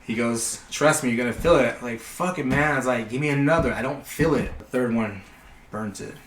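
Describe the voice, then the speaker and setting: A man's voice: mid-range voice, brisk. A young man telling a long, rambling, profane story in casual podcast chat. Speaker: podcast guest. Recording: echoey room with faint noise.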